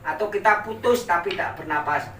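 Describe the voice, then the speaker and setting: A man with an Indonesian accent leads an informal recitation lesson, stretching syllables slowly and repeating each word for his pupils. His voice is fairly high and bright. He sounds a little far from the mic, in an echoey room with faint background noise. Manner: drawn-out demonstrative recitation, repeating words for pupils. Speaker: Quran recitation teacher.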